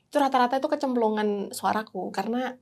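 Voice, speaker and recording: A woman, a radio announcer and MC, chatting casually as a podcast guest, lively and quick to laugh. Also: fairly high pitch. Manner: lively, laughs often, cheerful.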